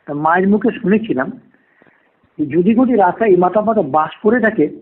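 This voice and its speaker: A man who is a private tutor tells a first-person ghost story as a guest on a podcast, calling in remotely. His voice sits high and moves a little fast, and the lo-fi call recording is dull, with a little hiss or hum.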